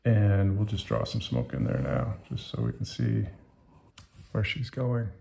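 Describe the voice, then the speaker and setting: A low, dark, creaky voice with big pitch swings and an unhurried pace belongs to an author-illustrator in his fifties, heard over slight background noise. He reads his picture book to kids and guides a drawing, speaking casually and simply with encouraging asides for them.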